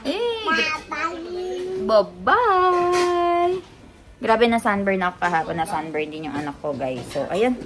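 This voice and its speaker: A woman's voice: deep voice, expressive, a little fast, hardly any pauses. A woman talking casually in a travel vlog, chatting to her viewers from her phone as she heads out on a trip and mixing English into her talk. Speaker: vlogger.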